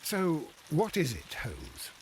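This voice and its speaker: A man playing a polite, inquisitive Victorian gentleman doctor and loyal companion in a video game, speaking in a questioning way. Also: on the high side, huge pitch swings, takes it slowly, background noise, exaggerated voice. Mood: curious. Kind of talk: video game dramatic acting.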